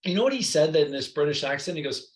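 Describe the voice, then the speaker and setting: A man guest in a podcast interview, telling lively anecdotes full of quoted voices. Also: on the high side, quick pace. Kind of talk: storytelling interview chat. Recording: roomy echo.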